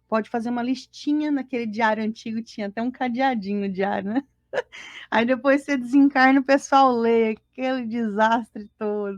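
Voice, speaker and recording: In studio-quality audio with no room sound, a Brazilian woman with a slightly high, darkish voice co-leads a live-streamed spiritist gospel study from her home. She teaches conversationally, asking listeners rhetorical questions and playing out little everyday moments with voices and dismayed sighs.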